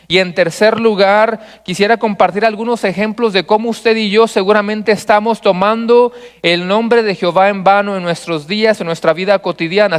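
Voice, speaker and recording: A pastor with a bright, high, very clear voice preaches to his congregation. He lays out his points one by one, repeats them, and asks the people questions. His voice rings with the long reverb of a church hall. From Mexico. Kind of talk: expository sermon. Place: church sanctuary.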